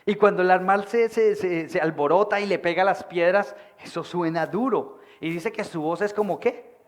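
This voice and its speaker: A man's voice: high voice, moderate pace. A man preaching a sermon to his church, projecting his voice and acting out characters in the stories. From Colombia. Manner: animated, acts out voices of people in stories. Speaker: pastor. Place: church meeting hall.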